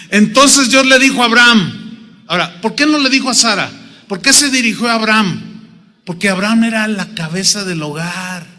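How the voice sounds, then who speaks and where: A man preaching a sermon as pastor, animated and playful as he acts out the people in the story. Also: high-pitched, a little slow, long pauses, in a large hall. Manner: animated, acts out biblical figures with humor.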